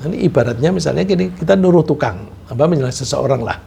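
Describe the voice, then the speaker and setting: A middle-aged man delivers a sermon in a conversational way, talking straight to his listeners and sometimes acting out the people he quotes. His voice is gravelly and mellow. Light background noise sits under the recording. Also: on the high side, lively intonation, quick pace. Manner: conversational, addresses congregation directly. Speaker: preacher.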